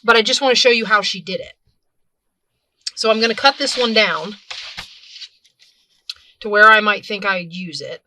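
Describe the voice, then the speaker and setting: A woman's voice: mid-range voice, normal speed, long pauses, bright, forceful tone, no room sound. A woman hosting a casual hands-on craft tutorial, chatting as she works and often correcting herself mid-sentence. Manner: chatty, talks while working, self-correcting. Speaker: craft video host.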